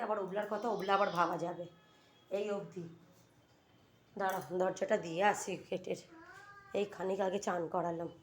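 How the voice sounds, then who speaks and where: A woman's voice: fairly high pitch, noisy background. A mother chatting to her viewers in a casual home vlog, talking them through her day while scolding and coaxing her children.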